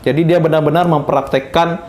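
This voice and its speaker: A male teacher from Indonesia giving a recitation lesson, speaking slowly and patiently and drilling each letter sound again and again. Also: on the high side, fairly even intonation, darkish tone. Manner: slow, patient, repeats each syllable for practice.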